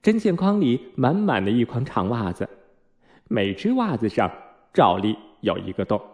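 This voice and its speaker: A man reading a children's storybook aloud in an expressive, unhurried way. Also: medium pitch. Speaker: narrator.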